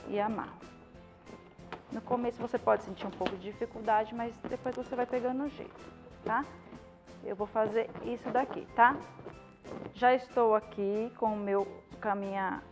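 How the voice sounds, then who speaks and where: A Brazilian woman in her thirties gives an informal hands-on tutorial, often adding short checking questions. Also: medium pitch. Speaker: balloon decoration instructor. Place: indoor studio with balloon wall. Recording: music playing under the voice. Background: clear background music.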